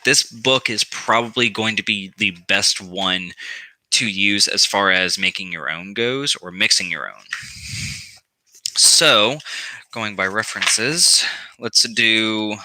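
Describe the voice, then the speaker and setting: A man's voice: on the low side, takes it slowly, bright, forceful tone, no echo, poor audio. A man giving a casual how-to vlog on occult practice, rambling with lots of ums and restarts and some profanity.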